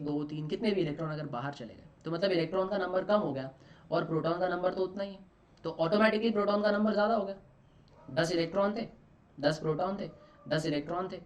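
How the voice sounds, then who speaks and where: A man teaching a chemistry class for an exam, in Hindi mixed with English phrases. He keeps asking the class questions and answers them himself, repeating key terms, and lets each answer word drop low and soft. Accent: Marathi-influenced Indian. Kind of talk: online exam-prep lecture.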